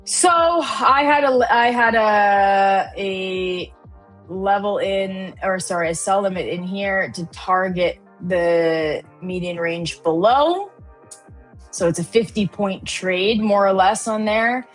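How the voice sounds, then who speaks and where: A woman's voice: medium pitch, takes it slowly, faint music behind, rough recording. Chatty Midwestern woman trading host. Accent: Upper Midwest American. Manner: chatty, uses many fillers. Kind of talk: live market commentary.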